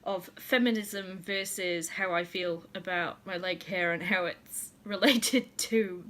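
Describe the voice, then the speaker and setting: A woman's voice: on the low side, slow pace, a bit bright. A young woman with a New Zealand accent chatting casually as a vlogger, giggly and a little tipsy, laughing often and swearing freely. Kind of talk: casual chat.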